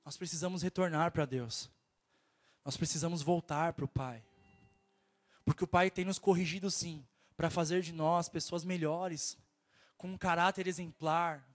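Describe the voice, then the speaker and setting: A man with a Brazilian Portuguese accent delivers an impassioned sermon, his voice noticeably nasal and pitched high for a man. He exhorts the congregation again and again, speaking with urgent fervor. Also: steady tone, measured pace. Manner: fervent, exhorting, keeps repeating "my brother". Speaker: preacher.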